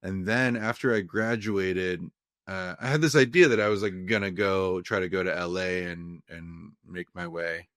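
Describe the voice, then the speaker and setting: Deep-voiced young guy from california, film director, rambles with restarts, dry sound. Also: fairly even intonation, normal speed, fairly bright tone, no room sound. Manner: rambling, frequent restarts and fillers. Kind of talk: casual interview conversation.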